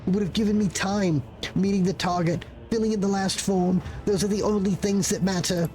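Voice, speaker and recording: Overworked video game clerk, played by a man: high voice, halting and stuttering, frantic, guilty, begging to be understood. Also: steady tone, darkish tone, faint music behind, close to an everyday voice. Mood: anxious pleading. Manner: stammering, halting, pleading. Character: frantic, guilt-ridden, overworked male clerk with head implant. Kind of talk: improvised reading of game dialogue.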